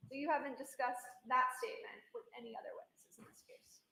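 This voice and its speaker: A woman attorney presses a witness with pointed, leading questions. Her voice sits a little high with a gravelly edge. It comes through as a courtroom recording, with the room's echo around every word. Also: fairly even intonation, fast, sharp tone. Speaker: trial attorney. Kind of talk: courtroom cross-examination.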